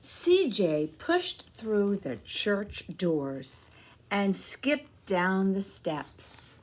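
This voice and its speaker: Reading a children's picture book to listeners, a woman with a mid-range voice tells the story in a deliberate, expressive way.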